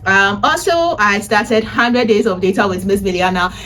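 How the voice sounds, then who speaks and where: Her voice is mid-pitched and fairly bright, at a normal speed, with a little background noise. A vlogger and data analytics teacher in her 20s, she talks to camera inside a family home, recapping personal updates in a chatty, direct way and often ending lines with "right?"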